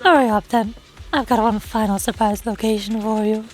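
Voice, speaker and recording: A woman performs a taunting game villain, a sniper who toys with prey. The voice sits high and drips with mock politeness and theatrical menace. Faint music plays behind. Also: fairly even intonation, normal speed, a little mellow, close to an everyday voice. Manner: mocking, theatrical, feigned politeness. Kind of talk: live voice acting of game dialogue.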